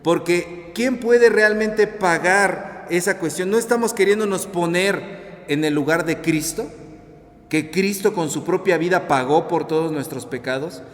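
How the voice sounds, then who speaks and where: Animated Mexican preacher in an echoey hall. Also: male voice, high-pitched, a little slow. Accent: Mexican Spanish. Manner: animated, acts out quoted voices, colloquial asides. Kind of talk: recorded sermon reflection. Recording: echoey hall with long reverb.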